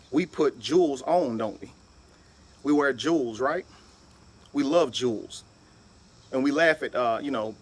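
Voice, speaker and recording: A man giving an emphatic lecture-style monologue, spelling words out letter by letter and asking "right?" often. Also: medium pitch. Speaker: video speaker.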